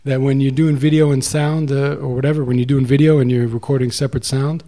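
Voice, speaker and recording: A man's voice: mid-range voice, flat delivery, quick pace, warm tone. A man hosting a podcast, chatting casually over beer and rambling with restarts. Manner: rambling, restarts sentences, enthusiastic. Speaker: podcast host. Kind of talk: casual chat. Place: indoor room, drinking beer with a guest.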